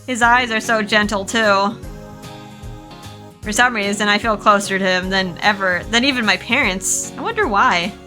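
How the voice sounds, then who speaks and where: A woman's voice: mid-range voice, moderate pace, bright, forceful tone, soft background music, close to an everyday voice. A woman voicing a dreamy young college student, reading game lines aloud in a wondering tone.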